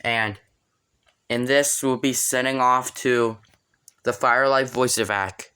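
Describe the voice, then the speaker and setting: A man talks informally through a hands-on demonstration. His voice is clear and smooth, sitting at a middle pitch. The delivery is casual and unscripted. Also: steady tone, takes it slowly, pushed and bright. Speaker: hobbyist demonstrator.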